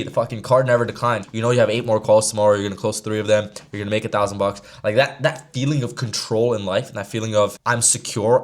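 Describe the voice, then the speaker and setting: A man of about twenty giving a brash motivational talk to camera as a sales mentor, casual and slangy. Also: fairly low pitch. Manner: brash, slangy, straight-talking.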